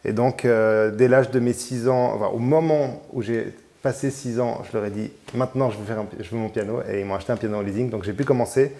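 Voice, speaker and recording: A man in his thirties talks through his musical path as a radio guest. His voice is warm and mellow, and he hesitates often, piling up fillers and restarting his sentences. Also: mid-range voice, steady tone, fast, hardly any pauses. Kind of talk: casual radio interview.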